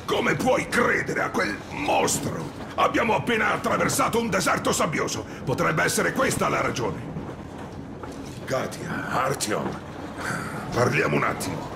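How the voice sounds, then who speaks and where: A man's voice: on the high side, big pitch swings, a little slow, creaky, over music, full character voice. A man playing an older, commanding, fatherly colonel in a video game. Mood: worried, indignant. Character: commanding old colonel, fatherly, easily roused. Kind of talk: video game voice acting, Italian dub. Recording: roomy, noisy train-carriage ambience.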